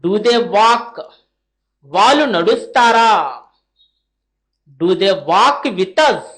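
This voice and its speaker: A woman teaching spoken English, reading short question drills slowly and with deliberate spacing, each followed by a translation. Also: on the high side, lively intonation, fairly bright tone.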